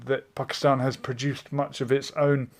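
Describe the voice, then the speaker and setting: A man hosts a relaxed live stream, chatting casually as he reads out viewer comments. He meanders from thought to thought and pauses often as he searches for words. His voice sits at an ordinary middle pitch. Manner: meandering and chatty, with frequent hesitations.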